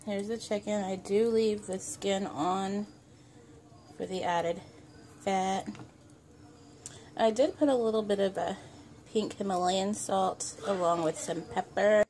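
A woman talks through her cooking in a relaxed home kitchen vlog. Her voice has a gravelly, fried edge at a middle pitch. She rambles along, correcting herself and filling gaps as she goes. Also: slow, pauses often, slight background noise. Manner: rambling, full of fillers and self-corrections. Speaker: home cook vlogger.

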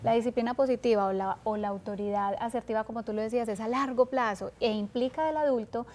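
A woman with a Colombian accent, a parenting expert explaining advice calmly on a talk show. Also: on the high side, fast talker. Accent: Colombian Spanish. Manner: calm, acts out parent and child lines.

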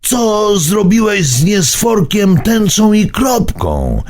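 A scared little boy with a high, pleading voice, his questions tumbling out anxiously as a man puts him on. The tone is husky and lively. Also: slow pace, full character voice. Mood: frightened. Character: frightened young boy hero.

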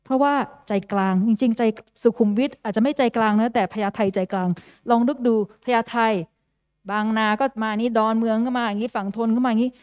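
A woman's voice: on the high side, steady tone, a little fast, a little mellow, no echo. A woman giving an informal lecture over slides, talking in a chatty way with many fillers and restarts and dropping English terms into her sentences. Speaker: guest lecturer.

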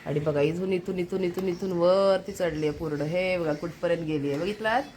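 A woman's voice: lowish voice, a little fast, darkish tone, a little hiss or hum. Chatty young woman vlogging at home. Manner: chatty, keeps pointing things out to viewers. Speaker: family vlogger. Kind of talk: casual home vlog narration. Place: small home indoors.

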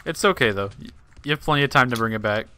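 A man's voice: medium pitch, animated, fast, bright, forceful tone. Guy hosting a gaming podcast, rambly and loose, kinda noisy mic. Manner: chatty, loose, with fillers and profanity. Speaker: podcast host. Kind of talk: casual chat while gaming.

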